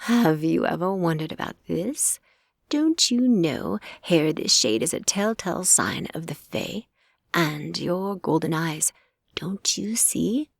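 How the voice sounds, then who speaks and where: A woman voicing a sly, cruel old witch in an audiobook who speaks in a measured, mocking tone. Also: on the low side, expressive, gravelly, slightly rough, no echo, clean studio sound, heavily acted.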